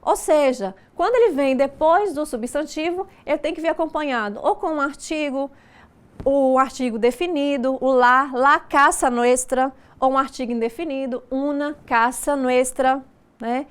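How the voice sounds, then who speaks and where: A middle-aged Brazilian woman teaching Spanish in a recorded online lesson. She explains patiently and says each example sentence slowly and clearly. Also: sits high. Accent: Brazilian Portuguese.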